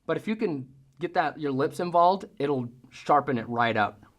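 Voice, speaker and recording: Animated at a normal speed, a man with a fairly high voice gives an easygoing hunting-call lesson. He speaks in a folksy way and reproduces the sounds with vocal demonstrations.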